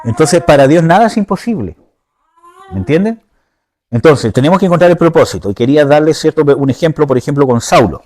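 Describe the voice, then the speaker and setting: A man's voice: on the high side, lively intonation, fairly quick, darkish tone. A man giving an informal teaching sermon, often checking in with his listeners and searching aloud for words. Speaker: preacher.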